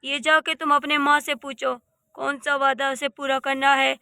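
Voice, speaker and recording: A woman voicing a stern male tree spirit who gives slow, low commands in a cartoon story. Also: little pitch movement, vocal fry, pushed and bright, dry recording, studio quality, heavily acted. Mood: commanding.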